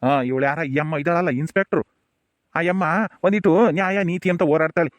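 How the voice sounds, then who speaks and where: A man's voice: fairly high pitch, fast, no echo, lightly acted. A man with a rural Tumakuru Kannada accent playing an elderly, proud village headman who soothes his jailed granddaughter. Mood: consoling. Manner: soothing, pleading, repeats hush phrases. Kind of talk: village family drama acting.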